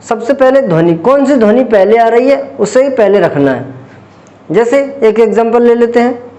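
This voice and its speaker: A man's voice: extremely high pitch, lively intonation, moderate pace, warm tone, muffled recording. A man teaching a grammar lesson for exam preparation, explaining step by step and answering his own questions as he goes.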